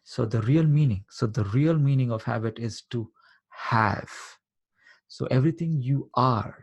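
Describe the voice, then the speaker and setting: A man's voice: mid-range voice, measured pace, slightly rough, muffled recording. A man as a life coach in a live online session, explaining patiently, repeating his points and checking that the listener understands. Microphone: video call.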